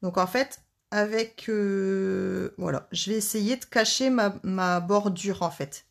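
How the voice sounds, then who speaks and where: A woman's voice: mid-range voice, fairly even intonation, slow, creaky. Woman, casual live craft host, talkative and playful with her audience. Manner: chatty, joking asides to viewers. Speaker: card-making live host.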